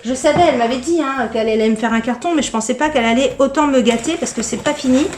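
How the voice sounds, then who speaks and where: A woman's voice: high voice, fast, echoey room, slight background noise. A woman vlogger chatting through an unboxing, candid and gushing, often stumbling over repeated words. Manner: gushing excitement. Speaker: lifestyle vlogger. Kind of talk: casual unboxing chat.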